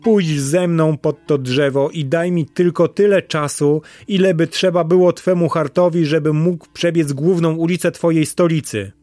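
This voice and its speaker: A man's voice: mid-range voice, slow pace, dry recording, soft background music, close to an everyday voice. A man voicing a loyal, wise female talking parrot who speaks in a courtly, imploring way. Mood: pleading.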